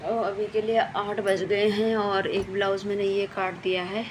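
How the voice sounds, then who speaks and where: A woman's voice: mid-range voice, flat delivery, unhurried, rough recording. A woman chatting casually at home in a vlog, rambling through everyday stories as a mother. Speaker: vlogger mother. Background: background music.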